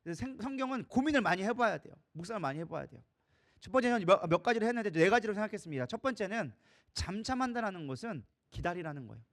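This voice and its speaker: Animated middle-aged Korean pastor, fast and high. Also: male voice. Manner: animated, acts out God and parents in quoted voices, asks the congregation questions. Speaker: co-senior pastor. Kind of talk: sermon. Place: church sanctuary.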